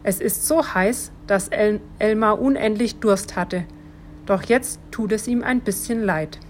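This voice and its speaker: A woman volunteer reading a children's story aloud, calm and gentle. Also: medium pitch, measured pace, a little hiss or hum.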